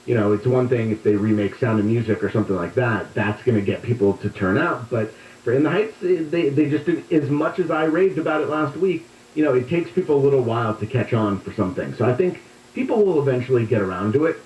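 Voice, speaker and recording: A man, an entertainment reporter, chatting casually on a radio show in a relaxed, talkative way with some restarts. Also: mid-range voice, fast talker. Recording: distant, roomy, dull remote line.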